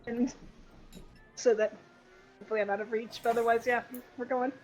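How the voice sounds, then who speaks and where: A woman playing in a casual tabletop game, soft-spoken and tentative. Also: on the high side, flat delivery, a little fast, faint music behind, rough recording. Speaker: player.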